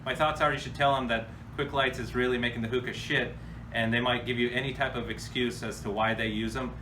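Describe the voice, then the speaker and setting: His mid-range voice sounds pushed and bright, with fairly even intonation and a brisk pace. The American host fields viewer questions in a loose, unscripted chat, blunt and heavy on slang. It was recorded on a far-off mic with noticeable background noise.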